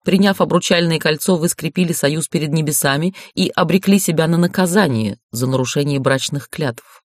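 A woman reading an audiobook, voicing a male priest who explains old marriage vows in a formal, measured way. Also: a little high, no echo, clean studio sound, lightly acted.

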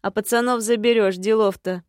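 A brutal young thug from an audiobook, drunk and menacing, voiced by a woman narrator. He taunts in a lowered, level voice with little rise and fall. The recording is dry and close. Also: fairly even intonation, normal speed, darkish tone, no echo, lightly acted. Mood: drunk shouting. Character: drunk brutal young man, violent assailant.

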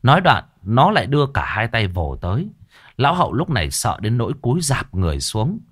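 Animated male storyteller. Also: mid-range voice, a little fast, breathy edge. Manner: earthy, colloquial, animated. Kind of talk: storytelling narration.

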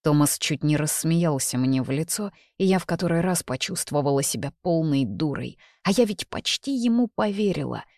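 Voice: medium pitch, lively intonation, moderate pace, hardly any pauses, a little mellow, no room sound, clean studio sound. An audiobook narrator telling a romance novel in the first person, in an intimate, emotional way.

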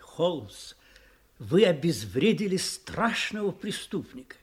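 A man's voice: a little high, sing-song, slow, husky, full character voice. An actor playing a loyal, admiring male doctor and storyteller in an audio drama, speaking earnestly and declamatorily. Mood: curious, appalled. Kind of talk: audio drama acting with narration.

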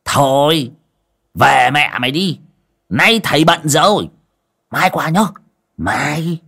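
A man voicing a fawning, panicky middle-aged male village medium, wailing high and strained. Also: very animated, slow pace, bright, forceful tone, full character voice. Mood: fussing.

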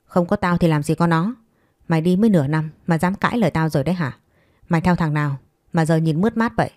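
A woman's voice: sits low, fast, a little mellow, no echo, clean studio sound, close to an everyday voice. Woman reading as a crude bullying husband. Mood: taunting. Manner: coarse, taunting.

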